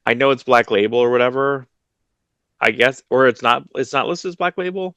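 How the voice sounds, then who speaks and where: Expressive and fairly quick, a man in his thirties speaks in a smooth, fairly bright voice, recorded dry. He co-hosts a comics podcast via video call from a home room on a headset, chatting casually and low-key about comics news while rambling and restarting often.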